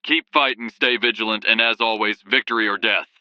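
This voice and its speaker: A man's voice: on the low side, steady tone, brisk, highs cut off, lightly acted. A man playing a grave, urgent wartime radio news anchor, reading a scripted bulletin in a rousing manner. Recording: music behind the voice. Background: music.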